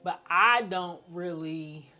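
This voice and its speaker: Bright-voiced nonchalant woman podcaster. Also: lowish voice, slow pace. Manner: flat, nonchalant, one-tone delivery. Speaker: podcast co-host. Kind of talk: casual chat.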